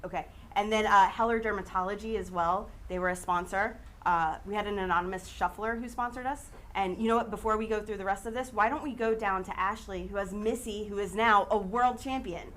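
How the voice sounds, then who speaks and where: A woman of middle pitch hosts a live sports broadcast. She sounds chatty and friendly, with a faint hiss behind her voice. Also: fairly even intonation, fairly quick, few pauses, a bit bright. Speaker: studio host.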